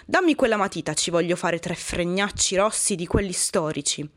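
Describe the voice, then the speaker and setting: A woman's voice: fairly low pitch, moderate pace, close to an everyday voice. A woman voicing an agitated, blustering male grammar professor who bursts out indignantly in a storybook reading. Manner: excitable, indignant outbursts.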